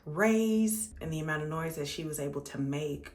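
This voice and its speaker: A 35-year-old American woman, a makeup vlogger, chats casually with her viewers while doing her makeup, repeating words for emphasis. Her voice is low-pitched and her pace moderate.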